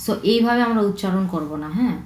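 A woman's voice: mid-range voice, a little mellow. Patient Chinese woman teaching in an echoey room. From China. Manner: patient, repeats words slowly to drill tones. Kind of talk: online language lesson.

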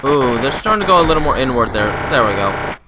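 A man giving casual, excitable commentary while playing a bullet-dodging game, reacting with jokey exclamations. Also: medium pitch, quick pace, heavy background noise. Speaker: gameplay commentator. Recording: loud game sound effects behind.

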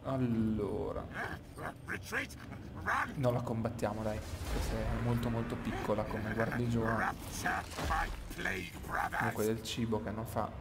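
A man's voice: lowish voice, flat delivery, unhurried, long pauses. A man giving casual gameplay commentary, thinking aloud, recorded in a small, bare, echoey room. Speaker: gaming YouTuber. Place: small room emptied of furniture, indoors. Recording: echoey small empty room, clear background noise.

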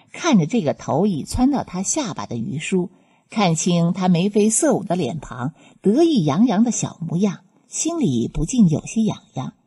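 Woman audiobook narrator, low warm voice, lively melodic delivery, breathy, expressive storytelling. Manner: expressive storytelling, voicing each character. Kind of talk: scripted narration of a serialized novel.

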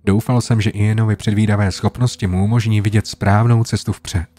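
A man narrating a horror story in a low, hushed storytelling manner, over soft guitar music. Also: little pitch movement. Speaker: creepypasta narrator.

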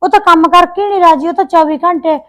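A woman playing a high-voiced, chatty married daughter. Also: fast talker, a bit bright. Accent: Punjabi. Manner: chatty and complaining. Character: married young daughter complaining about her mother-in-law. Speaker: actor. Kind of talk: village short-film acting.

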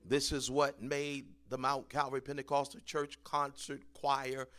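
A man preaching a sermon as pastor, leading the congregation in call-and-response and building to shouted peaks. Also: medium pitch, flat delivery, a little slow.

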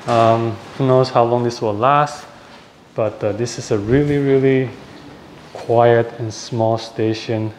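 A young man filming a casual travel vlog outdoors with a phone camera at arm's length, talking in a relaxed way with filler ums. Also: medium pitch, slow pace, slight background noise. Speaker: vlogger. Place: outdoors on town streets and at stations.

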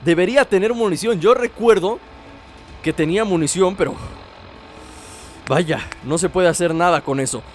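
Excitable young gamer man, high voice. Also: moderate pace, pauses often, a little hiss or hum. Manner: excitable, jokey, talks to viewers, yells when startled. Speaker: gaming YouTuber. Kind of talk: let's play commentary.

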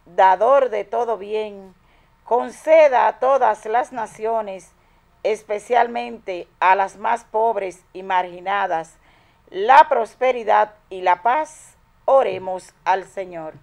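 A woman lector reading the prayers of the faithful at a lectern in a small chapel, slowly and carefully. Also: mid-range voice, creaky, a little mellow.

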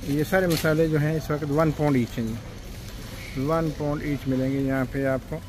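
With a fairly high pitch, steady tone, and normal speed, a man casually vlogs his supermarket walk, naming prices as he goes. His talk is chatty and polite, full of "ji" and "janab", over a noisy shop background.

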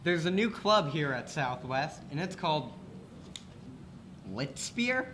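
A man's voice: on the high side, animated, normal speed, fairly bright tone, a little hiss or hum. Teenage boy reading school announcements. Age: teens. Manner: playful, joking reads. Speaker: student announcements anchor.

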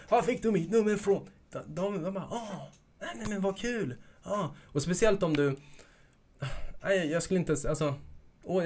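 A young man giving a casual instructional talk as an e-commerce coach, energetic and hyping things up with jokey asides. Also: medium pitch.

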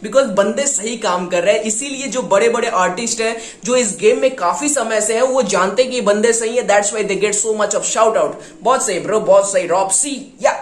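A man hosting a music reaction video, talking with excitement and mixing Hindi with English slang. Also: high voice, moderate pace, few pauses, reverberant, a little hiss or hum. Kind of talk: casual reaction commentary.

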